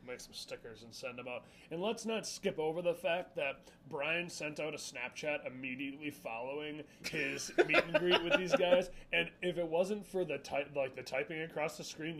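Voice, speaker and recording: An excitable man jokes his way through a casual podcast chat, laughing often. His voice sits a bit high for a man. A faint hiss of background noise runs under him. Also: moderate pace, hardly any pauses, low-quality recording. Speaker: podcast co-host.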